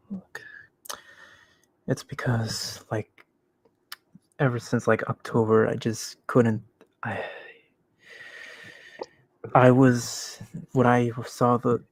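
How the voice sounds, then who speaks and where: A young man talks in a husky, near-silent whisper. His delivery is very slow and flat, halting and broken by sighs. It sounds like casual talk on a live stream. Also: mid-range voice, dry recording. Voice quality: breathy whisper.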